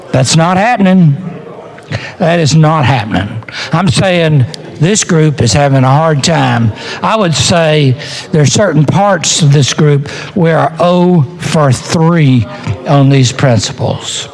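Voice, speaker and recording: A man delivering a political floor speech as a legislator, arguing point by point in a deliberate way with rhetorical questions and repetition. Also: fairly high pitch, a little mellow.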